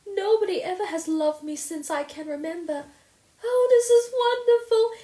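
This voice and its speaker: A woman voicing a dramatic, romantic young orphan girl who speaks in high-flown, theatrical phrases. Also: dark tone, close to an everyday voice. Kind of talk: storybook reading. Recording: roomy echo.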